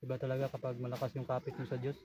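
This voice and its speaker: A man chatting casually outdoors on a mountain, measured and repeating himself as he thinks. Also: medium pitch, monotone, noisy background. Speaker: vlogger on a jungle outing. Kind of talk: casual chat among friends. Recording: distant, dull lo-fi outdoor mic.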